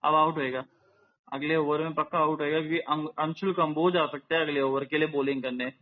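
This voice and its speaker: Higher-voiced Indian man on cricket commentary. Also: steady tone, brisk. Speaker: cricket watch-along commentator. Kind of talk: casual live match commentary. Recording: dull, lo-fi voice audio.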